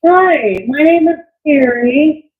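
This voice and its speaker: A woman's voice: high-pitched, lively intonation, slow pace. A woman calling in to a show on speakerphone, sounding a little nervous and hesitant. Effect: on speakerphone over a phone line. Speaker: caller. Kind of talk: call-in show conversation. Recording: tinny, echoey speakerphone phone line.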